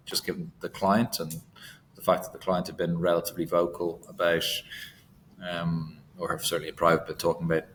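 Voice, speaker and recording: Low-voiced, halting male podcast co-host. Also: a bit bright, slight background noise. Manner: hesitant, many fillers and restarts. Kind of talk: casual industry chat.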